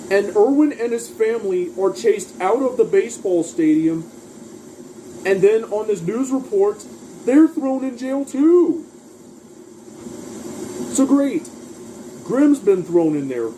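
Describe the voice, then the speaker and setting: A man's voice: sits high, animated, slow, long pauses, dark tone, a little hiss or hum, poor audio. A man casually recapping a cartoon episode, rambling through the plot and quoting lines along the way. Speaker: cartoon reviewer.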